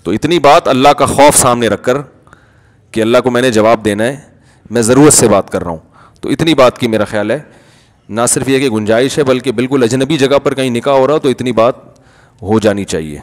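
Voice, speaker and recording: Man preaching in a reverberant hall. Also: medium pitch. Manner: explanatory, conversational, answers then argues with examples. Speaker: cleric answering questions. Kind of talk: Friday sermon, question and answer. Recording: long reverb of a large hall.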